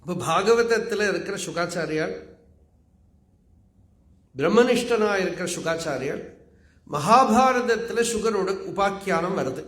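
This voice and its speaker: A man giving a religious discourse as a spiritual teacher, chanting verses slowly and then explaining them in plain, measured talk. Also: sits high, expressive, fairly bright tone. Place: large auditorium. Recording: echoey hall recording.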